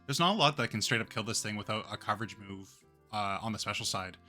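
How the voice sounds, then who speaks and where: Brief: young male host, low-pitched but bright tone, chatty and analytical, faint music behind. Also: fast. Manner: upbeat, analytical, with many fillers. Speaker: league coach and draft host. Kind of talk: casual stream chat.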